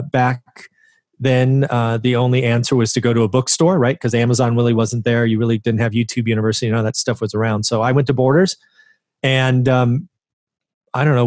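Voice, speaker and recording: A man's voice: mid-range voice, darkish tone, dry recording, studio quality. A man in his forties, a guest on an interview show, telling his story conversationally and often tossing in a rhetorical "right?". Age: 40s. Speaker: interview guest, real estate investor.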